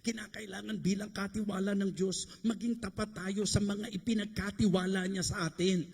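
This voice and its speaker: Man from the Philippines, preacher, sermon, joking asides, high pitch, echoey hall sound. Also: flat delivery, moderate pace, slight background noise. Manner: joking, conversational preaching with rhetorical asides to the congregation. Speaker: bishop preaching. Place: church service abroad.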